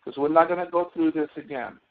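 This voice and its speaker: Speaking fast in a slightly high voice, a man leads a live software tutorial as a course instructor and explains it step by step. The sound is narrow, like a phone call.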